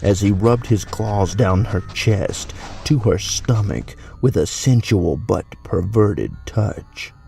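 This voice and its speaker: A man reads a horror story in a very deep, dark voice, full of gravel. He tells it slowly and broodingly, with a scripted storyteller's pace. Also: soft background music.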